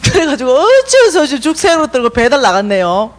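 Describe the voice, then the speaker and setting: A middle-aged woman with a Gyeongsang accent, telling stories in a church seminar and acting out the dialogue with big jumps in pitch and volume. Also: huge pitch swings, brisk. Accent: Gyeongsang Korean. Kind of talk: lively storytelling lecture. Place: church lecture hall.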